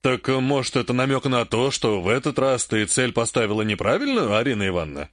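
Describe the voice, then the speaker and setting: A man reading an audiobook, voicing an emperor who speaks softly and in a measured way. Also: mid-range voice, big pitch swings, no echo, studio quality, lightly acted. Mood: mild placating. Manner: soft, placating, measured. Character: calm, mild-mannered male emperor, later irritated.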